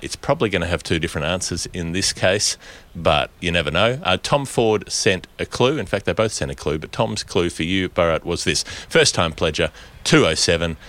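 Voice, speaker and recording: A man's voice: deep voice, expressive, moderate pace, a bit bright. A man with an Australian accent hosting a conversational podcast, talking in a wry, discursive way. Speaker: podcast host. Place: remote voice call from a rooftop.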